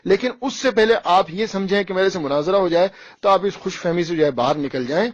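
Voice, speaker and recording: A man's voice: high-pitched, animated, dry recording. A man, an Islamic cleric delivering a scornful, challenging polemical rebuttal full of rhetorical questions. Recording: dull lo-fi dry recording.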